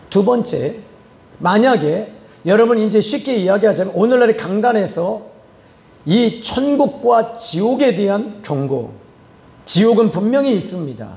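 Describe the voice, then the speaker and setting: A man's voice: sits high, vocal fry, a little mellow, roomy sound. A male pastor preaching a sermon, emphatic, often asking rhetorical questions and telling stories.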